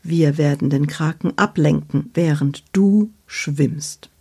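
A woman voicing a calm, gentle male gorilla who speaks softly and reassuringly. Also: low-pitched, takes it slowly, creaky, heavy background noise, full character voice. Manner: soft, steady and reassuring.

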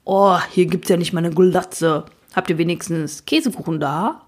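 A woman voicing a cocky male unicorn who talks in teen slang and claims a deep crooner's bass. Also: moderate pace, a little mellow, lightly acted. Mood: demanding. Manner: slangy, swaggering.

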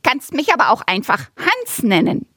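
A woman voicing a cheeky male kookaburra with a croaky, cackling voice and a teasing manner. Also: a little high, huge pitch swings, moderate pace, bright, forceful tone, no room sound, studio quality, pitched above the performer's own voice, heavily acted. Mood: mocking. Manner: teasing, jeering.

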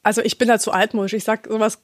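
A woman hosts a podcast in an easygoing, amused manner, often pausing on small fillers. Her voice sits at a middle pitch and is recorded close and dry, with no room sound around it. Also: flat delivery, no echo. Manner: chatty and amused, with frequent fillers. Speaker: podcast host. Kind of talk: casual podcast chat.

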